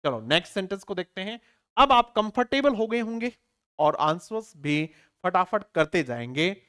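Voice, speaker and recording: A male English teacher leads an online exam-prep lesson. He keeps firing questions at his students and answering them himself. He spells words out slowly, letter by letter, and often checks that everyone has understood. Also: high voice, big pitch swings, pushed and bright, clean tone.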